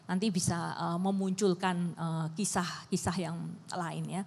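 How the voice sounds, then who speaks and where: A woman's voice: fairly low pitch, steady tone, unhurried, darkish tone, big-room sound. A middle-aged woman speaking at a church family seminar, chatty and loose, with many fillers and restarts. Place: church hall.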